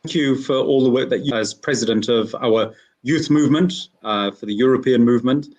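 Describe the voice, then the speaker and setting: Man, panel host, from England, earnest, measured speech, video call audio. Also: mid-range voice, a little mellow, muffled recording. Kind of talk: livestream panel moderation.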